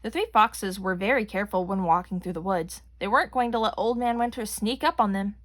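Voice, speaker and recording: A woman reading a children's story aloud with gentle, clear storytelling. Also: mid-range voice, a little fast. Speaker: reader. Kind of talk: children's read-aloud narration.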